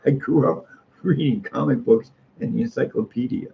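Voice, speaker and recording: At a normal pace and in a mid-range voice laced with vocal fry, a middle-aged American man who works as a street artist rambles on. His talk is folksy and opinionated, with phrases repeated for emphasis. The audio is muffled, lo-fi, and faintly noisy.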